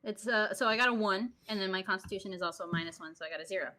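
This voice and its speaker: A woman's voice: mid-range voice, very fast, sharp tone. A woman playing a tabletop game in casual chat, giggly and unsure of the game controls. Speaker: player. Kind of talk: casual chat while gaming.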